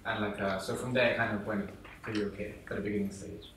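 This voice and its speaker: A man's voice: on the low side, quick pace, distant mic, slight background noise. A young man from England, a guest on a talk show, chatting casually and rambling with lots of fillers, recorded in an echoey room away from the mic. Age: young adult. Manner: relaxed, rambling, many fillers. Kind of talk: casual interview chat.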